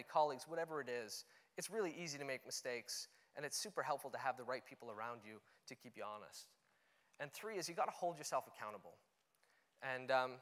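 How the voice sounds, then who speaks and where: A man's voice: mid-range voice, a bit bright. Earnest young man speaking in a hall. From Canada. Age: young adult. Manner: earnest, conversational, many "you know" fillers. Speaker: conference speaker. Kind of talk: motivational stage talk. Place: auditorium stage. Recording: long hall reverb.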